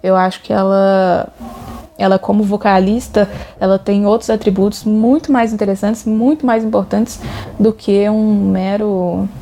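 Mellow-voiced Brazilian woman discussing music. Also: medium pitch, steady tone, unhurried, a little hiss or hum. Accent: Brazilian Portuguese. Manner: chatty, frequent "sabe?" tags, searching for words.

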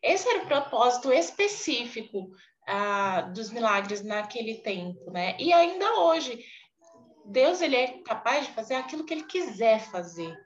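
A woman teaching a Bible passage at home, unhurried and thoughtful, with frequent fillers and restarts. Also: a little high, sing-song, lo-fi sound. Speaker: Bible study presenter.

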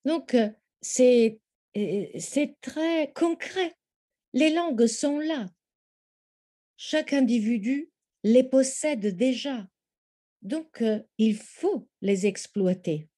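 Her French is slow and mellow, her voice fairly high and expressive, though Italian is her first language. As an interview guest specializing in language teaching, she explains her answer thoughtfully and measuredly, with frequent hesitations.

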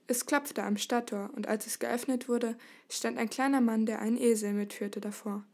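A woman narrating a children's storybook in a lively way. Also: a little high, moderate pace. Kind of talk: storybook reading.

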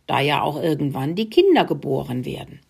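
A woman voicing a small male animal who squeaks calmly, in a breathy voice. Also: fairly quick, heavily acted. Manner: squeaky, calm.

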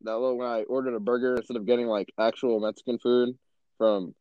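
A man's voice: mid-range voice, quick pace, dry recording. A young man with a Texan accent, hosting a casual podcast and acting out his own reactions as he tells stories. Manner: animated storyteller, acts out his own reactions. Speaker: podcast host. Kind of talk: casual chat. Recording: dull lo-fi sound.

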